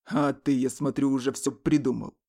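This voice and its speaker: Woman reader as a cold forest-spirit lord, curt and low, flat delivery. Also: slow, full character voice.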